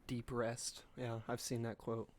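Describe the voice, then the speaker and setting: A man's voice: medium pitch, monotone, a little slow, darkish tone. A man in his late twenties co-hosting a podcast in casual chat, laid-back and jokey, laughing often and swearing. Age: late 20s. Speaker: podcast co-host.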